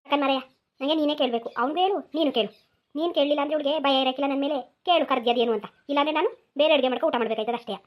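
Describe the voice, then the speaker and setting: A woman's voice: high-pitched, racing, lo-fi sound, close to an everyday voice. A woman doing a nagging village mother-in-law. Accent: rural Mysore-region Kannada. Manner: nagging, insistent, repetitive.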